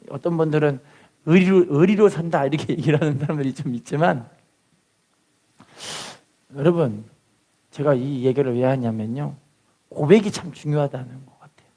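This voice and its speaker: A man preaches a lively sermon in a voice on the high side, often calling out hallelujah and putting rhetorical questions to the congregation.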